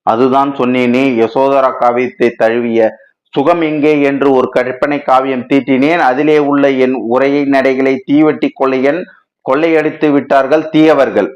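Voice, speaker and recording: A man's voice: mid-range voice, fairly even intonation, moderate pace, lightly acted. A man voicing an anguished male writer in a storybook reading, lamenting in a dramatic, wordy way, on a dull lo-fi recording. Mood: insistent. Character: anguished male writer, grief-stricken and impassioned.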